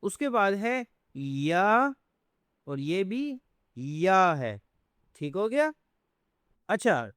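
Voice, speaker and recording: A man with a high, smooth, resonant voice teaches pronunciation in a patient step-by-step lesson. He repeats each letter several times and keeps checking in with the listener. The sound is dry and close, with no room echo. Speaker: Quran teacher.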